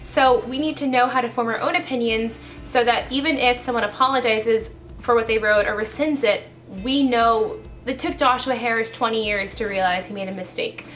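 A young woman, a vlogger and YouTuber talking fast and chattily to her viewers. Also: a little high, a bit bright. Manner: fast, chatty, laughing asides. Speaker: YouTuber and blogger. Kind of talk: casual vlog commentary.

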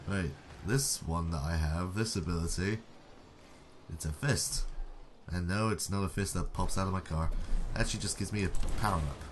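A man's voice: low voice, slight background noise. A young man giving casual, sarcastic running commentary over a car-football game, mocking himself and his teammates. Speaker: gaming YouTuber.

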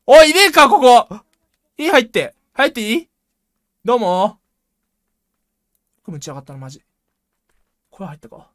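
Woman game streamer, excitable slangy self-talk, high lively voice, dry close sound. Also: normal speed, pauses often, no echo. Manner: jumpy, excitable self-talk, rough slangy speech, frequent laughs. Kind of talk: live gameplay commentary.

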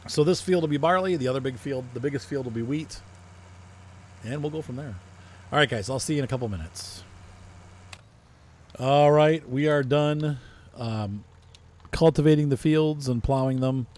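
A man's voice: mid-range voice, normal speed, darkish tone. A man casually talking through a farming simulator playthrough, thinking aloud with frequent fillers. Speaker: gaming video host. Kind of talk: casual farming-sim commentary.

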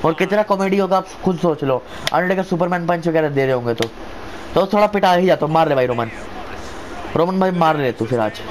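A man with a slightly high voice commentates a wrestling video game in an excited, casual way. He talks like an informal wrestling commentator calling the action move by move, often repeating short phrases. There is faint noise behind his voice. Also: fairly quick.

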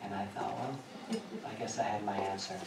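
A man preaching a sermon, telling a personal story in a lively way and often laughing as he speaks. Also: on the low side, brisk, heavy background noise. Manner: animated, laughing through his story. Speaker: pastor. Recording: echoey church from a distance.

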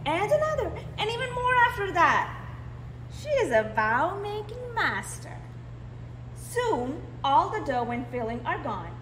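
Seated indoors in a library, a storytime reader with a high, very lively voice gives an animated picture-book read-aloud to small children, taking her time and stressing key words expressively. The recording has a roomy echo and clear background noise.

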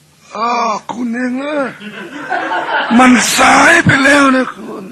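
Man doing a shrill cackling doctor. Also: slow pace, a crowd in the background, exaggerated voice. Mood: gloating. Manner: high shouting with cackles. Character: gloating male doctor, shrill and mocking.

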